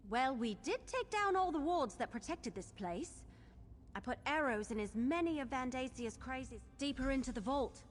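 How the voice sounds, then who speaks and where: A woman voicing a plucky, excitable young wood elf archer in a video game, with a perky, eager, Christmas-elf chirp. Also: high-pitched, moderate pace, long reverb tail, slight background noise. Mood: urgent, excited. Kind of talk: video game character acting.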